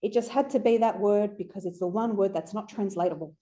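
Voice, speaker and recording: A woman's voice: medium pitch, fairly quick, warm tone. A woman giving an informal lecture to a group, chatty and conversational with playful asides. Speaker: astrology speaker presenting to a group.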